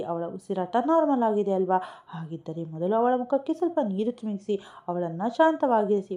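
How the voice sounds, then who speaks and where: A woman voicing a calm male family doctor who gives advice in a steady, reassuring way. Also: fairly low pitch, lo-fi sound, natural voice.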